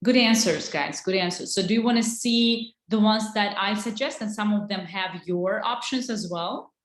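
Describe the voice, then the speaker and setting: A woman's voice: mid-range voice, normal speed, echoey room. Encouraging woman teaching English. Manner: encouraging, switches between English and Azerbaijani. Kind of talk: online English lesson.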